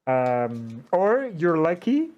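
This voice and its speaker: A man with a slightly high voice hosts a casual interview. He talks in an animated, conversational way, often hesitating and rephrasing as he searches for the wording. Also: takes it slowly, lo-fi sound. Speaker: interview show host.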